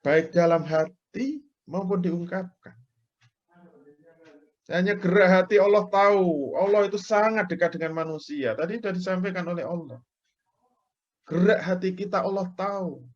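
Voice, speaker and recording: This man's voice sits high as he preaches an Islamic lecture at normal speed, leaving long pauses. Drawing on everyday examples, he acts out people's prayers in tinged speech, captured in a dull, lo-fi recording.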